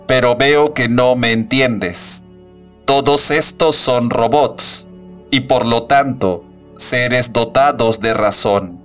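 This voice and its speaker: A man voicing a booming metallic robot prophet. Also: a bit bright, soft background music. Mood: calm. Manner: slow, measured, preaching delivery. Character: solemn male robot prophet, calm and unbending. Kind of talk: audiobook narration.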